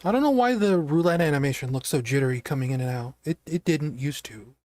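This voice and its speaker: A streamer with a naturally scratchy voice giving casual gameplay commentary, chatty and quick to react aloud. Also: medium pitch, lively intonation, a little mellow, dry recording, clean studio sound.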